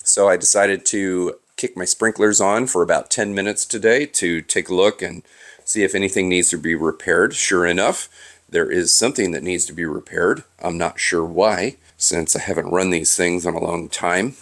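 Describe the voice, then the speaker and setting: A man's voice: sits low, normal speed, fairly bright tone. A man with a cold and a stuffy voice, casually explaining his lawn care work in a vlog, with frequent "uh" fillers. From Southern California.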